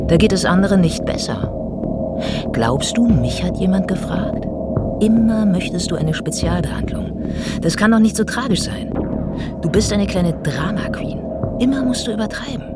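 A woman's voice: medium pitch, lively intonation, normal speed, loud music behind the voice, pitched above the performer's own voice, lightly acted. A woman voicing a manipulative partner, reproachful and belittling.

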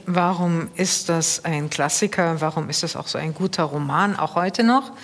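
A woman's voice: lowish voice, in a large hall. A woman critic on a radio literary panel, setting out her points in a concise, precise way.

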